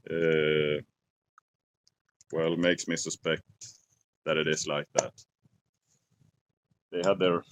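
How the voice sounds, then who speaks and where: A Swedish man in his forties, an outdoor vlogger, talks casually to the camera in a forest at dusk. His low-pitched voice carries a Swedish accent, and he speaks slowly and thoughtfully, pausing to hunt for English words. The audio quality is poor.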